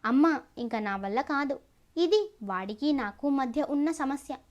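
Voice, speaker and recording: A woman's voice: high-pitched, lively intonation, unhurried, muffled recording. A woman voicing a fierce, stubborn young woman in an audio story, speaking with determination. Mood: defiant. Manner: pleading, determined. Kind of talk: storybook narration.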